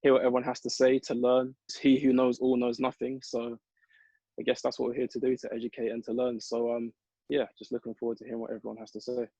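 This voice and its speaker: A man with a London accent speaks in a dark, husky voice on a video call. He talks in a laid-back, monotone way. The audio is dry and muffled. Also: medium pitch, fast talker, dry recording. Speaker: rapper.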